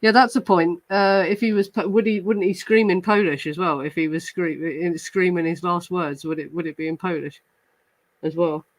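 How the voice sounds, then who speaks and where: A chatty man on a true crime podcast thinks aloud while reacting to live comments, with many fillers and restarts, and reads police report passages aloud. His high-pitched voice holds a steady tone at a moderate pace in a dry recording.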